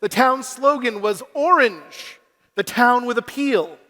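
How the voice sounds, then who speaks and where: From a large convention hall stage, a young man from Massachusetts delivers an upbeat, self-deprecating keynote to a youth conference, working the crowd with energy. His very high voice is bright and forceful, slow, with lively intonation, carried through a stage microphone and PA in the big hall.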